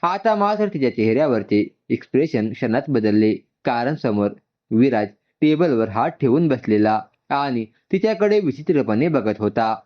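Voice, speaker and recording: A male storyteller reads a scripted tale with dialogue at a moderate pace, his middle-register voice lively with a swinging pitch. The recording sounds a little dull and muffled.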